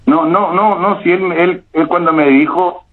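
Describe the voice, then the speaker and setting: A middle-aged man with a Chilean accent, calling in to tell a personal paranormal experience, speaking haltingly with frequent restarts and repetitions. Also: high-pitched, steady tone. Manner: halting, repeats himself, many restarts. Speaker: caller telling a paranormal experience. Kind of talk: first-person storytelling. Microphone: phone. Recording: tinny phone line.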